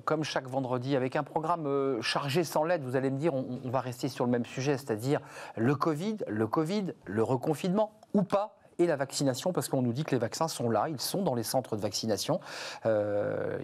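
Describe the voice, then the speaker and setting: Hesitant talk show host. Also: male voice, mid-range voice, darkish tone. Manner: hesitant, frequent "euh" fillers and restarts. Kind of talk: live TV talk show hosting.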